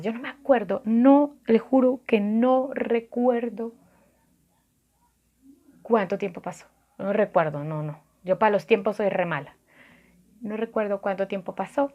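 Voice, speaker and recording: A Colombian woman recounts a personal story in a chatty, animated way, with a Colombian Spanish accent. She voices the people she quotes and drops into soft, near-whispered asides. Her pitch sits in the middle range for a woman. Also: highs cut off. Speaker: vlogger. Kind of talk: casual storytelling.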